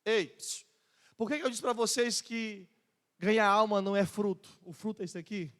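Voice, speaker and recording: High-voiced preaching man in reverberant church. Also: normal speed, a bit bright. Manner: impassioned preaching with rising emphasis and questions to the congregation. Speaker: pastor. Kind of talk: sermon. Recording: long reverb of a church hall.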